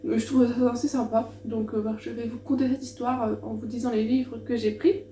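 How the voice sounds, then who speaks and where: A woman's voice: on the high side, little pitch movement, a little fast, mellow. French woman presenting books in an echoey room. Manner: hesitant, many fillers and restarts, self-mocking. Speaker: book channel host. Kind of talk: casual book presentation vlog. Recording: echoey room, mic at a distance, faint hum.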